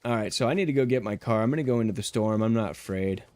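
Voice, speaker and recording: A man's voice: lowish voice, very fast, darkish tone. Laid-back man on a livestream headset mic. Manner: laid-back, rambling, many fillers. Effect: livestream headset mic audio. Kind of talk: casual gameplay chat with viewers.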